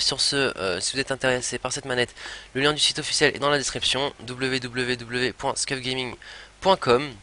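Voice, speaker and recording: Bright-voiced young man, halting casual talk. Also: medium pitch, slight background noise. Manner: hesitant, many fillers and restarts. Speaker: gaming youtuber. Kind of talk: casual product talk to viewers.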